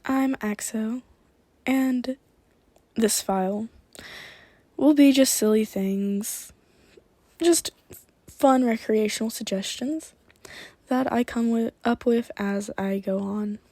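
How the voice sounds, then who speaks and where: A woman improvising recreational hypnosis suggestions in a casual, gently playful way. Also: on the high side, slow, long pauses, no room sound. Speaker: hypnotist performing for a live online audience.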